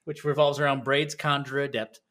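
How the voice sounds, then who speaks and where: A man co-hosting a podcast in casual chat, rambling and animated, acting out other players as he tells stories. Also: mid-range voice, a little fast. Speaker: podcast co-host.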